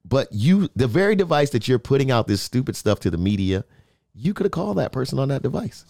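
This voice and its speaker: Man, sports talk co-host, lively swings in pitch, dry close sound, emphatic. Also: fast talker, creaky, no room sound. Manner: animated, emphatic, asks "right?" often. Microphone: in-ear monitor, studio.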